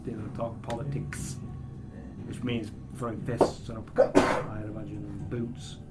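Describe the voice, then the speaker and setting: A man's voice: mid-range voice, flat delivery, moderate pace. A man playing in a tabletop game, chatting casually and tossing in wisecracking asides. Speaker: player. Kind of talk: casual joking table talk. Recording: music playing behind.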